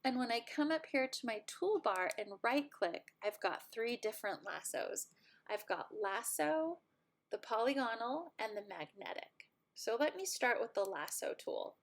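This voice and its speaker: A woman teaching a software tutorial over a screen recording, talking in a casual, self-deprecating and encouraging way. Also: fairly high pitch, lively intonation, a little slow, creaky.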